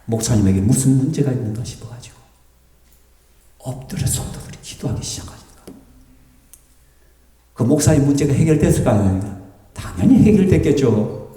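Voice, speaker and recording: A man preaching as a pastor, lively and animated, acting out tearful prayers and grumbling complaints to make his point. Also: mid-range voice, normal speed, pauses often. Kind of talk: sermon. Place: church sanctuary. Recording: echoey church hall, voice from far off the mic.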